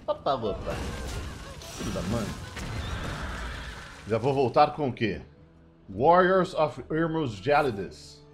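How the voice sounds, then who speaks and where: A man with a Brazilian Portuguese accent commentating his own card-game match, excitable and breaking into shouted celebrations. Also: mid-range voice, takes it slowly, long pauses, music in the background. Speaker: gameplay streamer.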